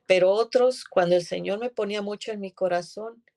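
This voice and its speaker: A woman's voice: mid-range voice, a little fast, darkish tone. A woman giving an earnest, emotional religious testimony as a guest in conversation.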